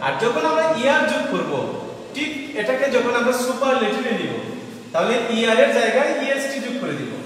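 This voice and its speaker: A man's voice: extremely high pitch, big pitch swings, fairly bright tone, recorded from a distance, a little hiss or hum. Patient teacher man in echoey room. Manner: patient, repeats key words slowly. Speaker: English grammar teacher. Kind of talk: explaining lesson to students.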